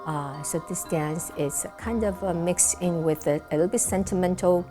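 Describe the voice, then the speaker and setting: A woman's voice: on the low side, normal speed. A middle-aged woman from Taiwan, a choreographer and dancer, answering interview questions thoughtfully with many fillers and restarts. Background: music.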